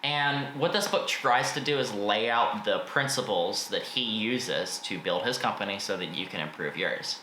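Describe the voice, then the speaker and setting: In an informal video book review, a man states his views bluntly but frequently hedges them. He speaks in a lowish, bright, forceful voice at normal speed with few pauses, in an echoey room with faint background noise.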